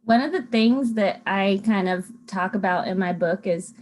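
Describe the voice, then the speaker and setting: A woman's voice: mid-range voice, normal speed, darkish tone. Earnest young woman from Alaska. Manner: earnest, thoughtful, many ums. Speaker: podcast guest. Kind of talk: casual interview.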